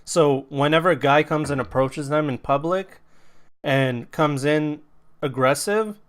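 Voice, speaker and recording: A man's voice: fairly high pitch, a little slow, clean tone. A young man co-hosting a podcast, venting bluntly with frequent swearing in casual chat. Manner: blunt, profane, animated venting. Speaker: podcast co-host.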